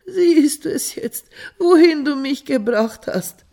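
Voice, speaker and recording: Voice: sits high, lively intonation, slow, darkish tone, voice pushed up, heavily acted. A storyteller voicing a frightened old peasant father in a fairy tale reading, with a pleading, anxious tone. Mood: reproachful.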